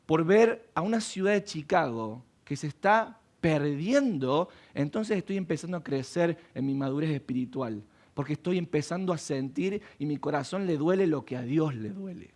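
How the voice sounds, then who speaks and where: Pastor guy preaching a sermon, kinda high voice with a gravelly rasp, keeps asking the church questions. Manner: preaching with rhetorical questions to the congregation.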